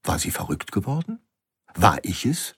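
A man's voice: low voice, sing-song, moderate pace, creaky, a bit bright, husky, no echo, studio quality. A man narrating a first-person audiobook, reflective, asking rhetorical questions and sometimes dropping to a whisper.

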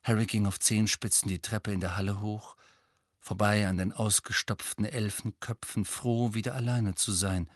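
A man reading a story aloud in measured, dramatic audiobook narration. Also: fairly low pitch, fairly even intonation, no room sound.

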